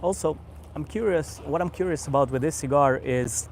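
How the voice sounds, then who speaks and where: A man with a Croatian accent hosting a casual live stream outdoors, relaxed and unhurried, often repeating words as he thinks. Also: fairly high pitch, a little hiss or hum. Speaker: cigar channel host. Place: outdoors on a vacation island by the sea.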